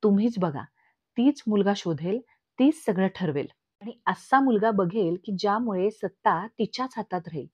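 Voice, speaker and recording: A woman voicing a bitter, vengeful middle-aged aunt who talks in a sharp, taunting way. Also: medium pitch, animated, moderate pace, slightly rough, dry recording. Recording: dull lo-fi recording.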